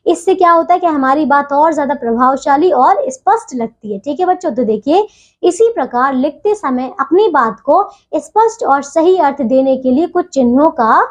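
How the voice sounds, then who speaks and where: A woman teaching a grammar lesson to children, patient and steady, pausing between phrases and often checking they follow. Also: high voice. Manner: patient, keeps asking "theek hai bachchon?"; leaves deliberate pauses between phrases.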